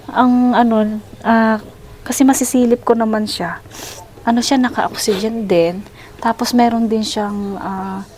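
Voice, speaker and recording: A woman's voice: medium pitch, background noise. A middle-aged Filipino woman vlogging from a hospital room, chatting in a sympathetic, conversational way and slipping English words into her speech. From Philippines. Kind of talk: casual storytelling vlog.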